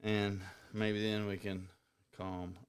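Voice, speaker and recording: A man's voice: lowish voice, little pitch movement, slow, slight background noise. Laid-back joking podcast co-host, a man. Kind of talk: casual chat.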